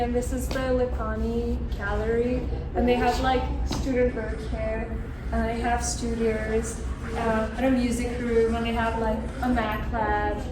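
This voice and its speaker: Young woman kinda high voice, flat delivery, casual tour chat, far from mic with noise. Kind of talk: casual, informal showing around. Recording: distant, echoey room with clear noise.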